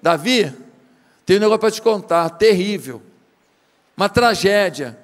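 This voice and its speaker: A Brazilian pastor voicing an outraged young prince, speaking urgently and loudly in a reverberant hall. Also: male voice, high-pitched, animated, unhurried. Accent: Brazilian Portuguese.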